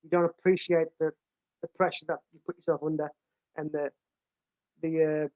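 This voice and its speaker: This plain-spoken British coach of American football has a big, fairly high male voice with little pitch movement at normal speed. He talks casually to explain things, often restarting and repeating words, and the recording is dry and thin, sounding like a tinny phone line.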